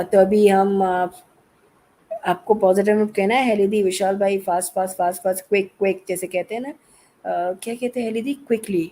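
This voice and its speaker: Slow, mellow-voiced livestream host. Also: male voice, high voice, low-quality recording. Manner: relaxed, mixes Hindi and English, repeats himself. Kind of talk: casual online group chat. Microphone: video call setup.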